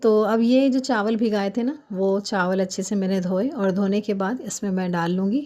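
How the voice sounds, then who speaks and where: A woman doing a hurried, chatty cooking voice-over while fasting, explaining each step at home. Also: medium pitch, mellow. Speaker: home cook vlogger.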